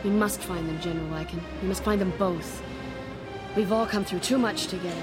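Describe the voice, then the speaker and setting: An actress in a radio drama playing an anxious but determined rebel princess, earnest and formal. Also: female voice, medium pitch, brisk, close to an everyday voice. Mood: pleading, determined. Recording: music behind the voice.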